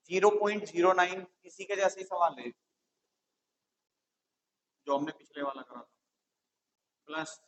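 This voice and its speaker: High-voiced maths tutor explaining patiently. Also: male voice, a bit bright, slight background noise, rough recording. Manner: patient, step-by-step, checks with "theek hai". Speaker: maths tutor for exam coaching. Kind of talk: whiteboard maths lesson.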